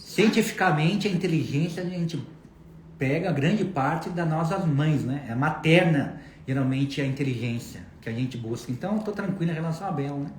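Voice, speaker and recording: Relaxed man in an echoey room. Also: fairly high pitch, normal speed. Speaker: co-host. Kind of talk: casual chat. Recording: echoey room, faint background noise.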